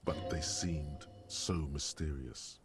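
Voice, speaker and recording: A man voicing the narrator of a grim detective game, delivering measured, atmospheric, wry scripted narration. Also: rumbling low, fairly even intonation, over music. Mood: ominous.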